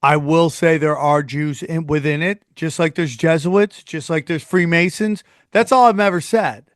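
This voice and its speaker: A man's voice: a little high, moderate pace, no echo, clean studio sound. A man hosting a casual podcast, talking in a loose, rambling way and plugging his live shows. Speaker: podcast host.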